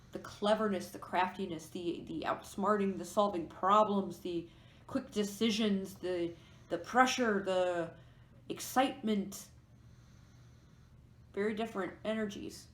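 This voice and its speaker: A woman giving a pick-a-card tarot reading, musing aloud as she explains each card. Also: medium pitch. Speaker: tarot reader. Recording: echoey room.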